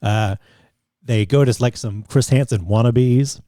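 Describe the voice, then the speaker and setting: Podcast co-host, male, mellow tone, dry studio sound, rambling casual delivery. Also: mid-range voice, measured pace, dry recording. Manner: rambling, many restarts and fillers. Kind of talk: casual chat.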